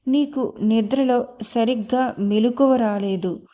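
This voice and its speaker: Brief: woman reading as a gentle young man calming a half-awake woman, slow and hushed, muffled lo-fi audio. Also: very high-pitched. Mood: soothing. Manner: soft, soothing. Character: tender young man comforting a dazed woman. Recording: slightly muffled lo-fi.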